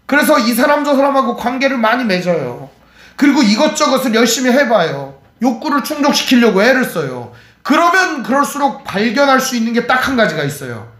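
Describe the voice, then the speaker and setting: A middle-aged male pastor from Chungcheong preaches in a high voice that swings widely up and down. He presses his points with questions to the congregation. His voice rings through an echoey church sanctuary. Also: very animated, brisk, fairly bright tone. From Cheonan, Chungcheong, South Korea. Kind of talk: sermon.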